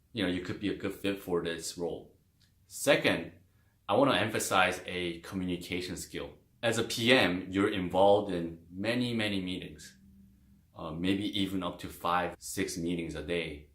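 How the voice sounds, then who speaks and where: Speaking straight to camera in an echoey, spacious room, a low-voiced man relaxes into a chatty explanation of a career. He's a Korean native speaker with an easygoing, friendly manner and lots of "like" and "you know" along the way.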